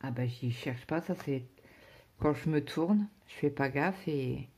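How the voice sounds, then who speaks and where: A woman's voice: deep voice, a little slow, dark tone, slightly rough. A woman chatting casually to her viewers about her day, rambling, with many fillers and restarts. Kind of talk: casual personal chat to viewers.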